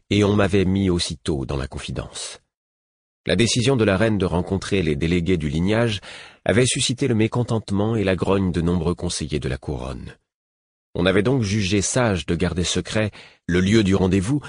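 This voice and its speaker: A man reads a fantasy audiobook in the first person with a steady storytelling delivery. His voice is very low and husky. The sound is dry and close, with no room around it. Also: dry recording. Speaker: narrator. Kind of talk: audiobook narration.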